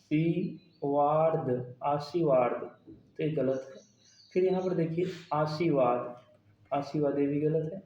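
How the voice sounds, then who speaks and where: Man, exam-prep teacher, step-by-step explaining, warm tone, echoey muffled recording. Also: on the high side, moderate pace, a little hiss or hum. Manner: explains step by step, asks questions then answers them. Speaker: Hindi grammar teacher. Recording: dull, roomy sound.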